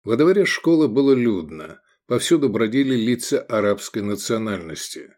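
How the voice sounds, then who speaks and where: Male narrator, audiobook, animated delivery, mid pitch. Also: normal speed. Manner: lively, expressive reading. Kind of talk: scripted narration.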